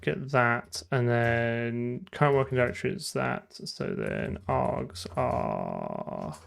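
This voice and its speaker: A programmer livestreaming game development thinks aloud in casual coding commentary, muttering to himself and trailing off mid-thought. His mid-range voice is creaky and very animated, though he takes things slowly.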